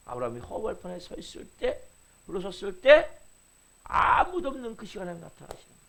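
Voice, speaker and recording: Impassioned high-voiced gravelly male preacher. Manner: impassioned preaching with sudden loud swells and quiet drops. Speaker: pastor. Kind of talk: sermon.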